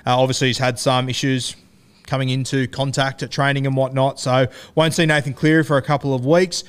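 A man's voice: mid-range voice, flat delivery, fairly quick, smooth. An Australian man hosting a sports podcast in a casual, broad, slangy, blokey style. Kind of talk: casual fantasy rugby league chat.

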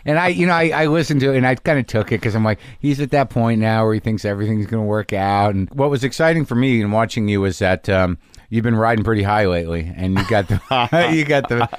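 A man's voice: fairly low pitch, quick pace, clean tone, no echo, studio quality. A man hosting a podcast in casual chat, wry and teasing, with frequent profanity, recorded in a garage. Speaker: podcast host. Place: garage studio.

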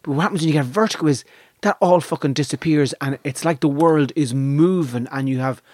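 A man with a west of Ireland accent, chatting casually and telling animated comic anecdotes with plenty of swearing. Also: on the high side, brisk, no room sound, clean studio sound. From County Donegal, Ireland. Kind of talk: casual chat and comic storytelling.

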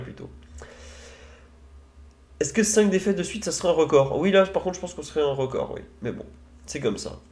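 Male stream host, casual and chatty, loose delivery. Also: medium pitch. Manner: relaxed, many fillers and restarts. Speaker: host of a football live stream. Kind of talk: casual live stream chat.

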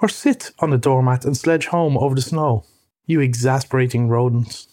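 A man reading a storybook voices a fussy, stubborn male mole who speaks in a prim, slow, indignant way. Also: mid-range voice, darkish tone, lightly acted. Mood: exasperated. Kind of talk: audiobook reading.

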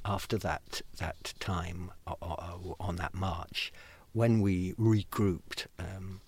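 Older man, husky animated storyteller. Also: deep voice. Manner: animated anecdotes, acts out quoted voices, stammers and restarts. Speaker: guest recalling youth in the counterculture. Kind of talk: casual storytelling conversation.

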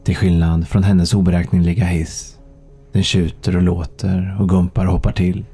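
Deep, flat-voiced male audiobook narrator. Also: breathy edge, soft background music. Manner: calm, measured, even storytelling.

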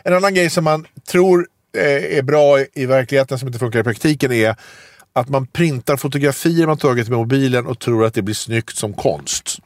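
A man's voice: mid-range voice, dry recording, clean studio sound. A man co-hosting a podcast in casual chat, reading out listener ideas and teasing his co-host.

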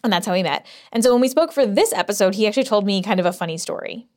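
A woman hosts a casual solo podcast, recorded under a blanket fort in a closet. Her voice sits at an average pitch for a woman. She talks informally and conversationally, straight to the listener. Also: very fast, darkish tone. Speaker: podcast host.

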